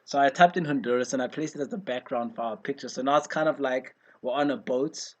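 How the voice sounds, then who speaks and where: A man's voice: mid-range voice, fast talker, a little hiss or hum. Male chat-show host from South Africa, casual video-call chat, rambling delivery full of fillers. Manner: rambling, many fillers and restarts.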